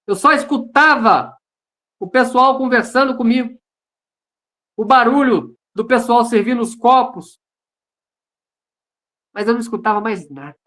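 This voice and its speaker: A man's voice: very high-pitched, measured pace, pauses often, bright, forceful tone. A Brazilian man, a pastor, sharing his personal testimony in an online service over a video call, earnest and repeating phrases for emphasis. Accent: Brazilian Portuguese.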